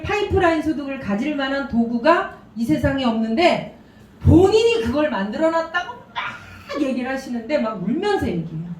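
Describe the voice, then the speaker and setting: A woman gives a business seminar talk, telling anecdotes with laughing asides. Her voice is high and swings widely in pitch. It echoes through the room from a mic set at a distance. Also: a little hiss or hum. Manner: animated, storytelling, laughing asides. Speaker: seminar speaker. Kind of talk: business presentation.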